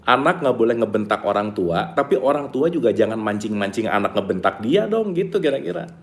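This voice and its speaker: A man's voice: lowish voice, sing-song, a little fast. Chatty man teaching from a book. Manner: chatty and playful, repeats key lines, acts out little scenes. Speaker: book study leader. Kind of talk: casual teaching talk reading from a book.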